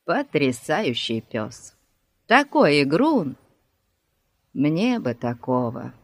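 A reader voicing a boy named Pip who confides things in a hushed way. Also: mid-range voice, big pitch swings, slow, dry recording, pitched below the performer's own voice, exaggerated voice. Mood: admiring. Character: gossipy knowing boy Pip. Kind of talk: audiobook character voice.

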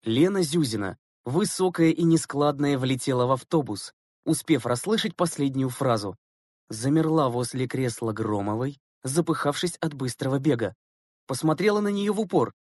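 A man narrating a story as an audiobook reader, in a measured storytelling manner. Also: mid-range voice, lively intonation, darkish tone, no echo, studio quality. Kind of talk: scripted narration.

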